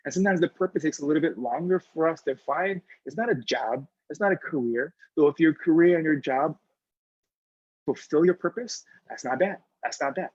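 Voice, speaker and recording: A man's voice: fairly high pitch, a little fast, darkish tone, husky, no room sound. A middle-aged man from Hawaii, a guest speaker telling a personal story at a workshop in an earnest, conversational way with many fillers. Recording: slightly dull, dry recording.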